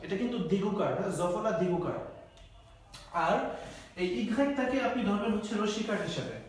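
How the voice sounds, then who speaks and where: A high-voiced man teaches a live online language lesson, asking questions and then answering them himself. His voice rings with strong echo, as though the mic sits some way off in a bare room, with faint noise under it. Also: lively intonation, a little fast. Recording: echoey, distant, faint noise.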